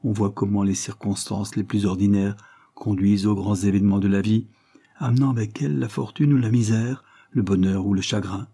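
Husky, mellow male audiobook narrator. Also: on the low side, steady tone, brisk. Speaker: audiobook reader. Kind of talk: scripted narration.

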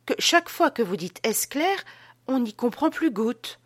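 A woman reading the part of a humble wife who speaks gently and deferentially. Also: medium pitch, expressive, moderate pace, dry recording, natural voice.

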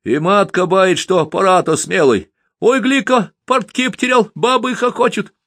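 Shrill, wailing seven-year-old orphan boy in an audiobook, voiced by a male reader; very high and drawn out. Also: normal speed, a bit bright, no echo, studio quality. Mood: cheeky.

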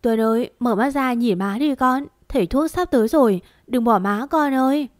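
A harsh older mistress of a wealthy house, given to scolding and wailing, as a woman narrator puts her on. Her voice climbs higher than the narration. The recording is dry and close. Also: expressive, normal speed, dry recording, lightly acted.

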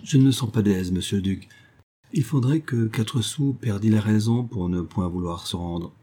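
A man voicing a fussy, flattered old provincial lady who gushes and repeats herself in a raised voice. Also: fairly low pitch, moderate pace, close to an everyday voice. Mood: gushing. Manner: gushing, eager, repeating herself.

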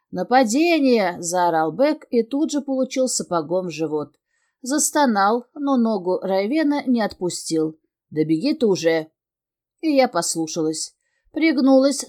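A woman narrating a fantasy novel in the first person with steady, expressive storytelling. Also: fairly high pitch. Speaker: audiobook narrator.

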